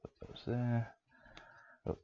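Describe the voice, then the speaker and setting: A man's voice: slow, phone-quality sound. A man live-streaming as he opens trading card packs, chatting casually and listing card names with fillers and restarts.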